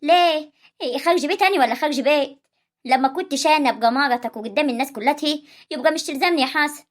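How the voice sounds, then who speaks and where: High, rapid-fire sharp-tongued Egyptian village woman, as a woman plays her, proud and confrontational, amateur drama role. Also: close to an everyday voice. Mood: indignant.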